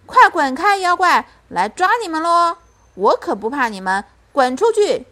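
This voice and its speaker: A woman voicing a brave little boy who boldly shouts at monsters in a bedtime storybook. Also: high voice, expressive, measured pace, full character voice. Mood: fierce. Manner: bold shouting.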